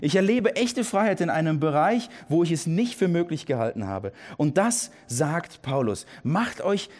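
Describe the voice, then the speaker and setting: A man preaching a sermon in an earnest, emphatic way, repeating key phrases and dropping his voice low for weight. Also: very animated, normal speed, a little mellow.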